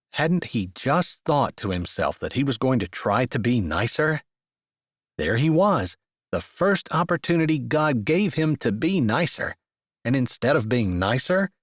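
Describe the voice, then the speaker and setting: A man narrating a romance audiobook with expressive, rising and falling storytelling on a close studio mic. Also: mid-range voice, no echo.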